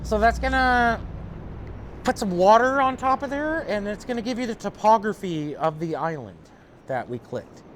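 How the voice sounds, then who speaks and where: A man's voice: high voice, expressive, moderate pace, a little hiss or hum. A man streaming a video game, chatting loosely with viewers and explaining a puzzle with many fillers. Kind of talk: casual let's-play commentary.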